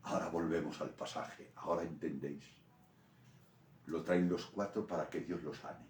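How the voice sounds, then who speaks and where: A man with a Spanish accent from Spain, preaching a sermon in an animated storytelling way. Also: rumbling low, moderate pace, a little hiss or hum. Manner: animated storytelling preaching, rising to loud peaks. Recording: roomy echo from a distant mic.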